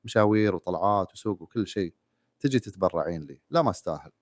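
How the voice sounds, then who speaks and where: A man voicing a harsh, scolding husband in a told story, reading his lines fast and flat. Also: sits low, no room sound, clean studio sound. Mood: remorseful. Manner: scolding, shouting. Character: harsh shouting middle-aged husband.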